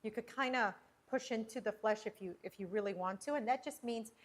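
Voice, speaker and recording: Speaking a little high and fairly quickly, this cooking show host preps food in her home kitchen during a relaxed livestream. Her talk rambles, with plenty of restarts along the way.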